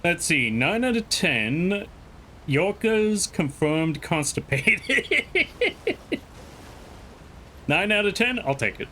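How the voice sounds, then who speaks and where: A man's voice: high-pitched, sing-song, slow pace, pauses often, sharp tone, slight background noise. A man streaming a game live, chatting playfully, reading chat aloud and joking with the game as he plays. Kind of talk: live gameplay commentary.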